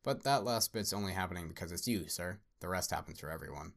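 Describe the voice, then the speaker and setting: A man voicing a manic, theatrical male artist villain who fawns over his guest, loud and sing-song with big jumps upward. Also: quick pace. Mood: gleeful, menacing. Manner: obsequious, repeats "sir", swings loud and high. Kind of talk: dramatic story reading.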